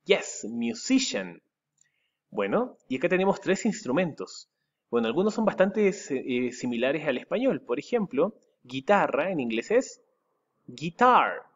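Chilean man as a school English teacher, unhurried and animated delivery, muffled lo-fi sound. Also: a little high. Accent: Chilean Spanish. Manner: spells words letter by letter, repeats them slowly with rising stress. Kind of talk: recorded vocabulary lesson for pupils.

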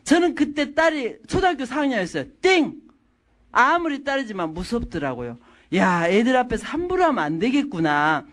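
A middle-aged woman giving a lecture full of personal anecdotes, telling them in an animated way and acting out what people said. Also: on the high side, a little fast. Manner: animated storytelling, acting out quotes.

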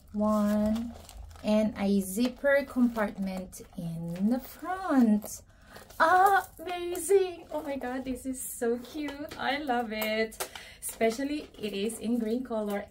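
A young adult woman vlogging an unboxing of gifts, gushing and excitable, repeating her delight over each item. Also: medium pitch, a little hiss or hum. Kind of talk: casual unboxing vlog.

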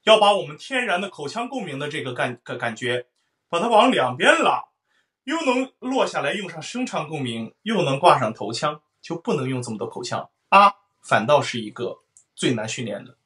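A man's voice: on the high side, very animated, fairly quick. A man teaching a singing lesson, explaining resonance and singing vowels aloud to show it. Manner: explains then sings vowels, loud sung demonstrations.

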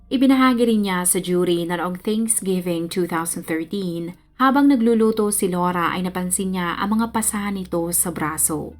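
A woman with a fairly low voice tells a true-crime story in steady, measured narration. Her delivery is scripted and even. Soft music plays faintly behind her.

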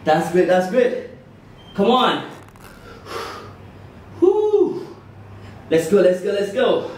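A man's voice: sits high, measured pace, a little mellow. A middle-aged man working out as an aerobics instructor, counting and cheering on in short, exerted, encouraging cues with puffs. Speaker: fitness instructor leading a workout. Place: indoor tiled room, on an exercise mat. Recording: echoey room, distant mic, faint noise.

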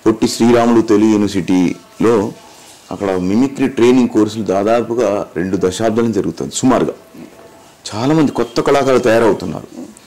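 A middle-aged mimicry artist with a lowish, warm voice speaks briskly in an interview. He explains things emphatically, almost lecturing, asking his own questions and then answering them.

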